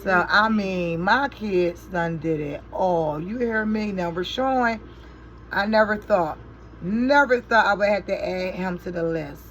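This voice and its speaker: A woman's voice: mid-range voice, unhurried, a little hiss or hum, low-quality recording. Chatty middle-aged woman vlogging. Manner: chatty, animated storytelling to viewers; exasperated, swearing in frustration. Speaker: beauty vlogger and mother. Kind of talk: casual chat while doing makeup.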